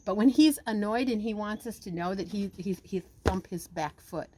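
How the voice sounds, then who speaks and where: A woman's voice: mid-range voice, normal speed, mellow, a little hiss or hum. A woman who grew up on a farm, patiently explaining animals as a farm educator.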